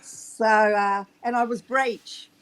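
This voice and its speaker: A woman's voice: on the high side, fairly even intonation, takes it slowly, smooth, poor audio. A middle-aged woman from New Zealand with a New Zealand accent, a podcast guest talking casually and hesitantly, with many ums. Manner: soft-spoken and hesitant, with frequent ums. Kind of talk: casual interview talk.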